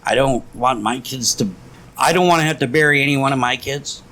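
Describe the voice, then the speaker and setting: A man's voice: medium pitch, a little fast, a bit bright, low-quality recording. A man co-hosting a casual podcast, telling stories with lots of swearing and laughter. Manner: profane storytelling, laughs a lot. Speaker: podcast co-host. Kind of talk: casual drinking-podcast chat.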